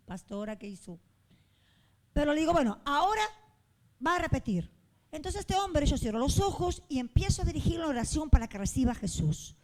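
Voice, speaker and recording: High-voiced fervent woman pastor preaching. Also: darkish tone. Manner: fervent storytelling preacher, acting out the people in her stories. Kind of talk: sermon. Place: church.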